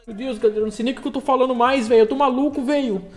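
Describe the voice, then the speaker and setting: A young man with a Brazilian accent giving excitable gameplay commentary as a channel host, dropping to mutters and then yelling when hyped. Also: very high-pitched, rapid-fire, faint music behind.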